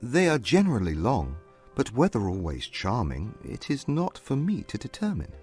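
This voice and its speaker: An actor playing a proud, reserved young gentleman in a dramatised period novel, speaking in formal, precise arguments. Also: medium pitch, huge pitch swings, normal speed, soft background music. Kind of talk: dramatised classic novel audiobook.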